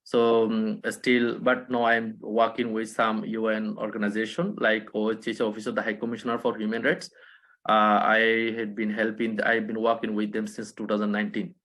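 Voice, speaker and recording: Low-voiced Rohingya man with a halting delivery. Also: completely flat delivery, a bit bright. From Rohingya from Bangladesh camp. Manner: halting, many fillers and restarts. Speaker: panelist. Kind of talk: online panel talk.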